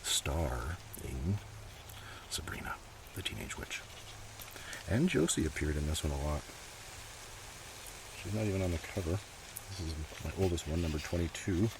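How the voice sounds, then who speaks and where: Outdoors in a gentle breeze, a man hosts a casual, rambling ASMR show-and-tell of his collection, half murmuring and drifting into whispers. His voice sits low with lively intonation, a moderate pace, and frequent pauses. Light wind noise, rustling paper, and flipping pages are audible.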